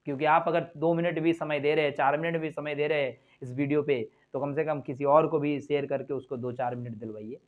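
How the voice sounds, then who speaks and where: A male English teacher slowly drilling letter sounds and repeating each one patiently, addressing viewers as friends. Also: fairly high pitch, fairly even intonation, phone-quality sound. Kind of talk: slow phonics drill lesson.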